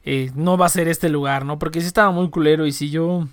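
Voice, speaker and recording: A woman's voice: low voice, fairly even intonation, brisk. A woman with a Mexican accent, live streaming and chatting casually to her viewers in a rambling, slangy, profane way. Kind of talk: casual chat.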